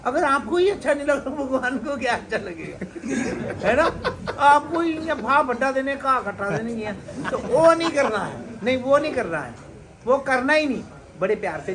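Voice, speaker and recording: A man's voice: very high voice, expressive, moderate pace, a crowd in the background. A man giving an earnest devotional talk as a spiritual teacher, urging listeners and repeating his points for emphasis. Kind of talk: devotional talk at a religious gathering. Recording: noisy live recording with ambience.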